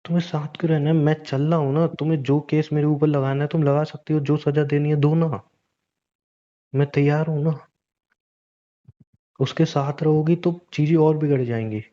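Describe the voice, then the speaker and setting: In a naturalistic Hindi relationship audio drama staged as a private conversation, a man plays a young, weary husband guilty of cheating, sounding resigned yet earnestly pleading and exasperated. His fairly high, natural voice moves at normal speed, fairly flat, mellow, conversational and not bright. The lo-fi audio sounds dull.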